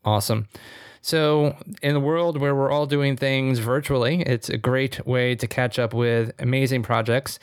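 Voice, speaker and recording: A man's voice: medium pitch, clear, resonant tone. An upbeat man hosts a podcast interview from a remote call. He sounds enthusiastic and strings his thoughts together with "and so". The sound is dry, with little room echo. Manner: upbeat, enthusiastic, many fillers like "and so". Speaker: podcast host. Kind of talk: casual interview hosting.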